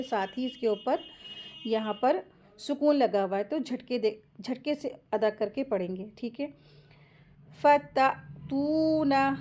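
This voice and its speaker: A woman with a fairly high voice teaching recitation in a patient, step-by-step way. She stretches each recited word out slowly, then explains the rule behind it. She often stops to check in with short asides. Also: darkish tone. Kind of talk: tajweed lesson, explaining pronunciation rules.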